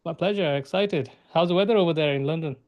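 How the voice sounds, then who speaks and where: A man's voice: a little high, quick pace, darkish tone, muffled recording. A man hosting an interview podcast, talking eagerly with loose grammar and frequent "like". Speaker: podcast host.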